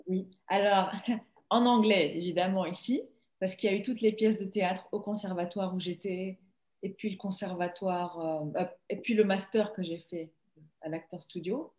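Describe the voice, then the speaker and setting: A woman guest actress talks casually, with a relaxed flow full of small fillers and restarts. Her voice sits at an ordinary middle pitch. The recording carries a noticeable room echo. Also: moderate pace. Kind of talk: casual interview chat. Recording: echoey room sound.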